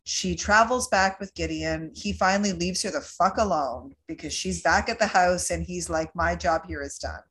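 A woman's voice: on the low side, normal speed, hardly any pauses, a bit bright. Chatty Canadian woman in her forties. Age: 40s. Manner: chatty, jokey, recaps the film plot. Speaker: podcast host. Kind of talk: casual chat.

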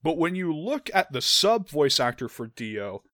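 A man's voice: a little high, sing-song, a little slow, bright, forceful tone, no echo, studio quality. A young man co-hosting a podcast, talking casually and rambling with lots of restarts and "like" fillers. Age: young adult. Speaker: podcast co-host. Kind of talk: casual anime chat.

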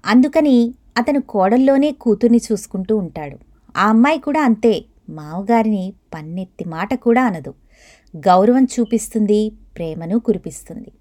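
A woman narrating a short story in a steady, even reading voice. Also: medium pitch, moderate pace.

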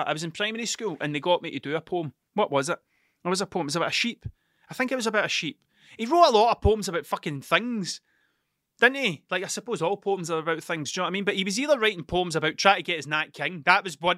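Sweary Scotsman with broad accent, bright voice. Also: high-pitched, no room sound, clean studio sound. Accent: broad Scottish, Ayrshire. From Scotland, Ayrshire. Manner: sweary, blunt, self-questioning. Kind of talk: casual rambling monologue.

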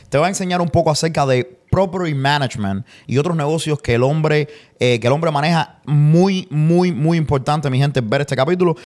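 A young man hosting a casual podcast interview, lively and mixing English phrases into his talk. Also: a little high. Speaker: podcast host.

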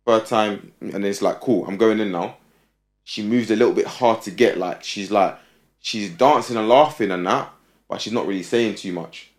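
A man's voice: lowish voice, moderate pace. A young man with a London roadman accent, talking casually and conversationally in street slang.

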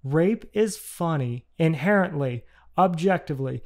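A man's voice: on the high side, lively intonation, a little slow. Blunt, rambling podcast co-host man. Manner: blunt, rambling, profane explanations. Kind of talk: casual chat.

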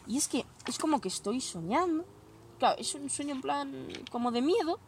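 A woman's voice: high voice, animated, normal speed, a little mellow, a little hiss or hum. A young woman hosting a casual chat, telling stories animatedly and swearing freely. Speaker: host.

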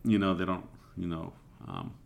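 A man hosting a relaxed podcast, speaking with a somewhat low voice. He talks in a loose, reflective way and keeps filling gaps with "you know". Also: normal speed, creaky. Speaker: podcast host. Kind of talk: casual podcast chat.

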